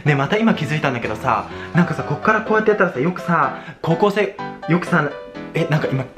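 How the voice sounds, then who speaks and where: A young man hosts a casual makeup vlog in exaggerated gyaru slang. His delivery is rapid and very animated, full of theatrical exclamations. Faint music plays along with his voice. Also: fairly high pitch. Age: young adult. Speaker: video host. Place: small plain indoor room.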